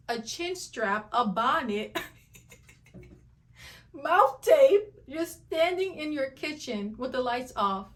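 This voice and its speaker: Incredulous, emphatic woman reacting to trends. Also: a little high. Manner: incredulous, emphatic, laughs often. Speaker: skincare commentary host. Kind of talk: reaction commentary.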